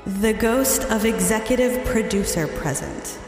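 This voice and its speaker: A woman voicing a calm, ethereal female ghost guide who speaks softly, unhurried and dryly patient, with a ghostly reverb. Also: medium pitch, faint music behind. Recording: heavy echoey reverb.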